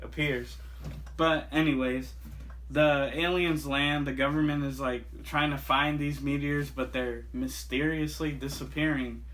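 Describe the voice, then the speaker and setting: A man casually chats about a monster movie in a rambling review, full of fillers and restarts. His voice is on the high side with a fairly bright tone. Japanese is not his first language.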